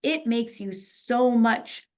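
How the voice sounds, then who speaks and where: A woman talking as a poker pro guest in a casual podcast interview, telling lively stories and acting out what people said. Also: a little high, takes it slowly. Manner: animated storyteller, acts out quoted dialogue.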